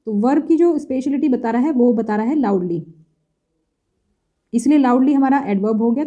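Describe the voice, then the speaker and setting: High-pitched Indian woman explaining grammar. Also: lo-fi sound. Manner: steady, methodical, walks through examples one by one. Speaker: teacher. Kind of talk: explaining English grammar in Hindi.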